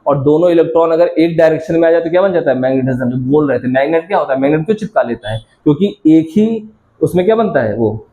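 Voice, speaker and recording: Speaking fast in a mellow, slightly high voice, a male science teacher lectures his class, posing questions to the students and answering them himself while affectionately calling them child. The audio is dull.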